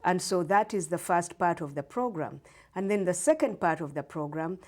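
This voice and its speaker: A middle-aged woman from Uganda, a guest professor answering interview questions in a measured, explanatory way. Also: medium pitch, darkish tone. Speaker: guest storyteller and English professor.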